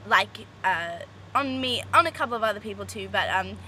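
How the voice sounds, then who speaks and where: A woman's voice: medium pitch, expressive, moderate pace, pushed and bright, poor audio. A woman student vlogging casually in her backyard, rambling with restarts and giggles. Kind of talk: casual chat. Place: backyard, outdoors. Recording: outdoor traffic noise.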